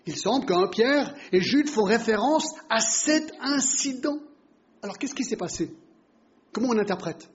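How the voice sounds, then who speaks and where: A man's voice: very high voice, lively intonation, normal speed. A man giving a Bible teaching sermon, explaining and putting rhetorical questions to his listeners. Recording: dull lo-fi recording.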